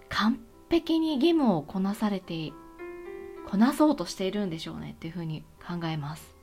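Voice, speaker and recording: A woman hosting a chatty solo radio talk show, speaking in a polite, gentle and reassuring way. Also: on the high side. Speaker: host of an aromatherapy talk show.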